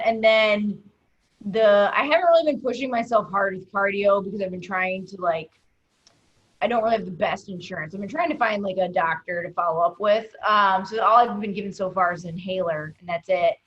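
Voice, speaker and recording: A woman talking in a casual video call discussion, rambling with many fillers and sometimes trailing off quietly. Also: mid-range voice, lo-fi sound. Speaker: comedian and guest.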